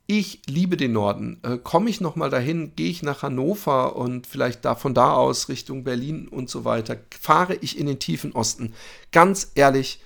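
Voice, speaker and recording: Man, solo podcast host, gravelly voice, middle pitch, candid, halting with lots of fillers. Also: fairly bright tone. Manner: hesitant, many fillers and restarts; candid, openly emotional.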